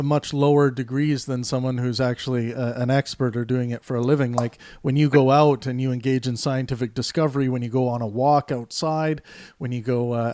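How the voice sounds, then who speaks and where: A man's voice: medium pitch, darkish tone, dry recording. A man hosting a casual voice-chat discussion, thoughtful and hesitant, with many fillers and restarts. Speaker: host.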